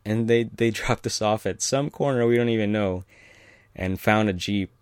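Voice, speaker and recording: A man with a very low voice tells an anecdote in a relaxed, rambling way, full of fillers and little chuckles. The sound is dry and close, with no room around it. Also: normal speed, clean tone, no room sound. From California. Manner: rambling, many fillers and restarts, chuckles often. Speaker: storyteller. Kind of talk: casual personal anecdote.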